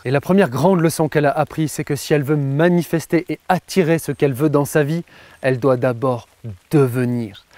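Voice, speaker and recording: A man's voice: fairly high pitch, a little mellow, dry recording. A man giving a motivational talk as a coach, emphatic and repeating phrases for effect. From France.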